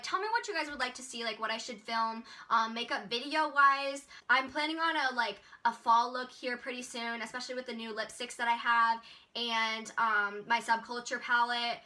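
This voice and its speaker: Bright bubbly young woman vlogger. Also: fairly high pitch, normal speed. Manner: chatty, bubbly, lots of likes and ums. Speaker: beauty vlogger. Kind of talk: casual makeup haul vlog.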